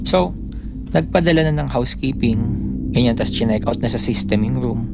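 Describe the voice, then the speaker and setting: A man's voice: mid-range voice, moderate pace, gravelly, over loud music. A man co-hosting a podcast, telling a story in casual chat and acting out the voices of the people in it. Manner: animated storytelling, acting out quoted lines. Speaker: podcast co-host.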